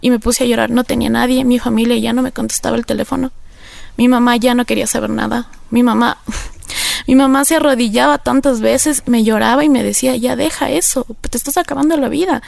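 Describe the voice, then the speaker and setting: A woman, her fairly high voice edged with vocal fry and gravel. She speaks earnestly and reflectively as an interview guest, often leaning on filler phrases while she recounts her past. The recording is close and dry. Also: steady tone, a little fast, darkish tone, no echo. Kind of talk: personal testimony in conversation.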